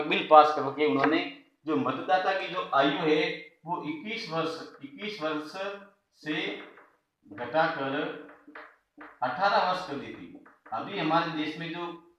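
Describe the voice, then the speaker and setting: Guy teaching an online college class, fairly high voice, keeps repeating key phrases, echoey room. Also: a bit bright. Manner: explanatory, repeats key phrases, frequent filler "uh". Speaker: college political science lecturer.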